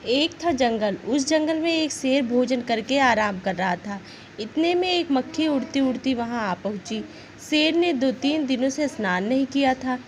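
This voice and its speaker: A woman's voice: high voice, animated, a little slow, slight background noise, low-quality recording. A woman teacher reading a children's story aloud and explaining it word by word, often checking in with her young listeners. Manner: explains words simply, checks in with "ठीक है?".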